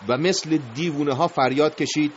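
A man's voice: fairly high pitch, fairly even intonation, a little hiss or hum. A man narrating a dramatic story in a grave, emotive voice, in a dull lo-fi recording.

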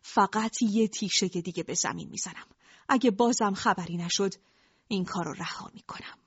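A woman's voice: medium pitch, expressive, a bit bright, no room sound. Stubborn devout old chief, plain firm delivery, woman reading, dull dry recording. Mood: weary.

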